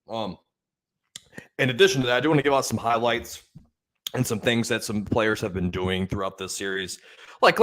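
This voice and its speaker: A young man hosting a casual sports podcast, chatty and loose, filling pauses with hums and fillers. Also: on the low side, fairly bright tone. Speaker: podcast host.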